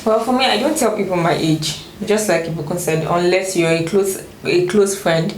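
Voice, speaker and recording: A woman's voice: on the low side, normal speed, reverberant, a little hiss or hum, poor audio. A woman in her twenties co-hosting a casual chat, often acting out quotes and finishing others' sentences. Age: 20s. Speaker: co-host.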